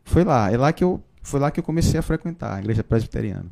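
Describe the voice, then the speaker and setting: A man, a pastor giving his conversion testimony in a podcast interview, telling it in a lively storytelling way with frequent tag questions. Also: mid-range voice, fast talker, vocal fry. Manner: storytelling, animated, frequent "né?" tags.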